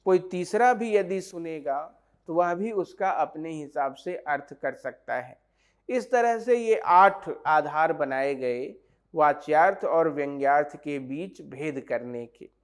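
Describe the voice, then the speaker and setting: A man giving a measured academic lecture on poetics, explaining point by point with examples. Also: a little high, smooth.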